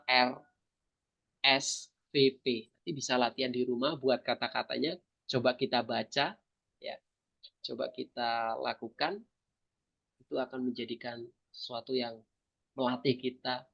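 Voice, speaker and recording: A man with an East Javanese accent teaching public speaking to a small group, modeling pitch, stress and articulation as he goes. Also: vocal fry, fairly bright tone, muffled recording. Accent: Indonesian, East Javanese. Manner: demonstrative, shifts pitch and stress to model intonation. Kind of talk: workshop lesson with participants.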